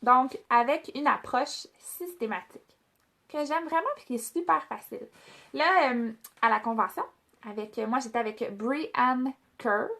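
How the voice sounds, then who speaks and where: A woman's voice: on the high side, unhurried, creaky, fairly bright tone. A woman with a Québécois French accent leading a casual product training, chatty, with many fillers and restarts as she speaks directly to her trainees.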